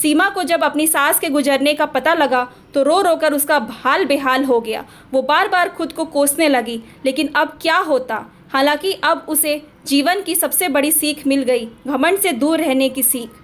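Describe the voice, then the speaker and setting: A woman storyteller narrating a scripted family story in a steady, dramatic way. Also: sits high, moderate pace, hardly any pauses.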